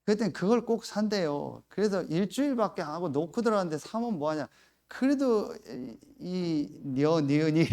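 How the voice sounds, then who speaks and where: A man's voice: a little high, a little mellow. A middle-aged man preaching a sermon as pastor, telling a family story and acting out his own angry outbursts.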